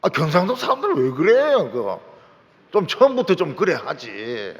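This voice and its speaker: A man preaching a sermon as pastor, fervent and at times shouting out his lines. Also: on the high side, wildly swooping pitch, moderate pace. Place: large church sanctuary. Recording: church hall with long reverb.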